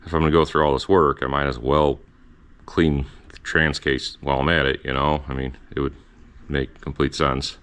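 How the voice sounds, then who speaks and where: A man hosting a casual garage vlog, tired and losing his voice from a cough, talking slowly with halting restarts and fillers. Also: extremely low pitch, flat delivery, fairly bright tone, clear, resonant tone. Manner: slow, halting, trailing off with many fillers. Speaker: home mechanic and channel host. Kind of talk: casual workshop vlog narration. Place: home garage.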